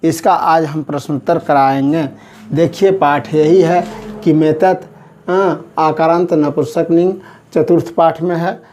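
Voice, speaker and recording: Slow, patient male teacher. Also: a little high, steady tone, darkish tone, a little hiss or hum. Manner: slow, patient, repeats answers for students. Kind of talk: classroom lesson.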